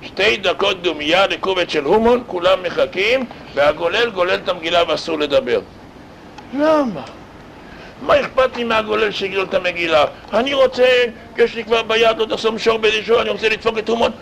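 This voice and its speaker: A male religious teacher gives a sermon-style lesson and speaks to his students directly. His voice sits high and has a gravelly texture. It also has a bright, sharp edge. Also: slight background noise, poor audio. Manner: animated, addresses students directly.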